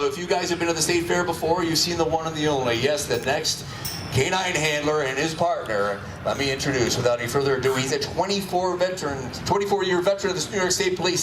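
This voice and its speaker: A man's voice: on the high side, fairly quick. A man announcing a live police dog demonstration with playful, showman-like commentary. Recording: distant echoey PA, loud crowd noise.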